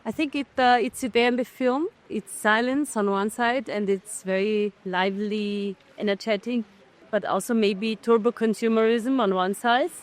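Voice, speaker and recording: Fairly high-pitched and fairly even in intonation, a middle-aged filmmaker from Austria reflects on questions in a festival interview about her documentary work. Her answers come with pauses and restarts as she feels for the right phrasing.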